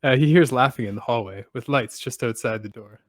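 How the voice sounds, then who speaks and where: Male podcast host, casual recapper with deadpan asides, dry close sound. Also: mid-range voice, a little fast, dry recording. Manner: steady storytelling with dry asides.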